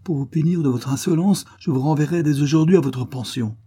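A man's voice: fairly low pitch, normal speed, warm tone, slightly rough. A man voicing a haughty scornful countess. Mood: angry. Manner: cold, contemptuous, cutting.

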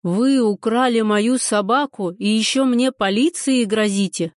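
Женщина-чтец озвучивает грубоватого деревенского мужика, говорит медленно и с нажимом, будто рычит. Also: female voice, fairly high pitch, unhurried, dry recording, clean studio sound, close to an everyday voice. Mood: gruff. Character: gruff rural man, grumpy and blunt.

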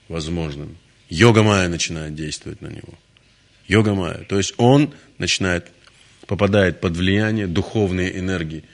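A man's voice: deep voice, gravelly. A man giving a devotional lecture in a conversational, storytelling manner, often restarting his words. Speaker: spiritual lecturer.

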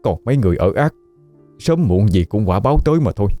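A man's voice: lowish voice, big pitch swings, fast, dark tone, faint music behind. Man doing a remorseful villager at a grave. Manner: apologetic, earnest. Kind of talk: audiobook character voice.

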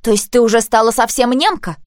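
A woman's voice: medium pitch, moderate pace, darkish tone, no echo, studio quality, natural voice. Woman doing a bitter girl from a labor camp. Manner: bitter, snapping.

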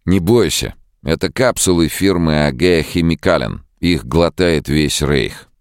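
A man with a very deep, gravelly voice reading the lines of a tense, controlling man in an audiobook, with clipped, urgent commands. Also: animated, a little slow, dry recording, clean studio sound, heavily acted. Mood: brisk. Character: tense, controlling man, outwardly calm, menacing.

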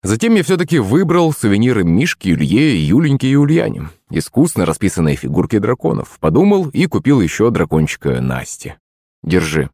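Lively low-voiced male audiobook narrator. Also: brisk, few pauses, dry recording, clean studio sound. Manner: expressive, voices the characters. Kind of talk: scripted first-person audiobook narration.

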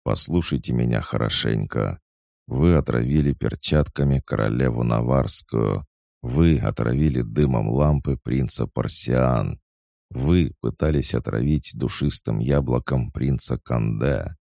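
Ailing, menacing male king, voiced by a man; an extremely low, gravelly voice, recorded close and dry. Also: measured pace, warm tone, dry recording, heavily acted. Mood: stern. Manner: commanding, threatening. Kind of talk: audiobook reading.

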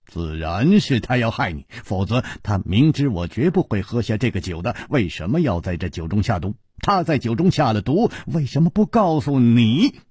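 A man's voice: medium pitch, sing-song, moderate pace, darkish tone, slightly rough, no echo, clean studio sound. A man voicing a bold young male hero who exclaims and presses questions urgently.

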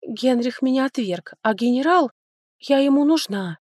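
A woman's voice: high-pitched, expressive, a little mellow, no echo, clean studio sound, voice pushed up. A woman voicing a biting, sarcastic young noblewoman. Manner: mocking, biting, quick to snipe. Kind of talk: audiobook character voicing.

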